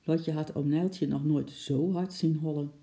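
Dark-voiced woman reading a storybook. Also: deep voice, measured pace. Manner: expressive, dramatic narration. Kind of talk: children's storybook read-aloud.

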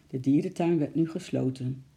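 Gravelly, dark-voiced storybook reader. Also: medium pitch, moderate pace. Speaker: narrator. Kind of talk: reading a children's story aloud.

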